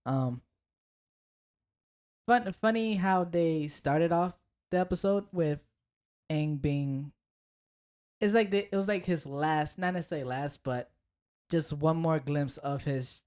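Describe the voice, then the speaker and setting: Woman, deep voice, casual podcast co-host, animated retellings. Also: a little slow. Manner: animated, acts out quotes with rising voice. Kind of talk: casual chat.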